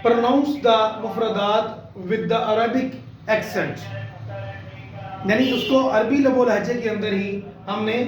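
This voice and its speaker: A man giving a Quran recitation lesson, talking slowly and haltingly with many fillers, switching between English and Urdu. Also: very high-pitched, steady tone, lo-fi sound, soft background music. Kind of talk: slow spoken lesson. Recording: echoey room, distant mic.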